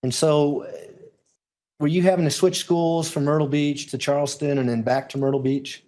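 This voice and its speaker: A man's voice: on the high side, level tone, normal speed, mellow. A man working as a lawyer questions a witness in a courtroom, putting formal questions step by step.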